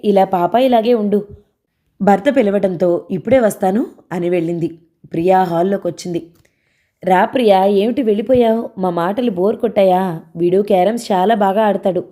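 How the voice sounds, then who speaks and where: A woman narrating a novel aloud and voicing the characters' dialogue. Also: mellow. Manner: changes pitch slightly for characters' quoted lines.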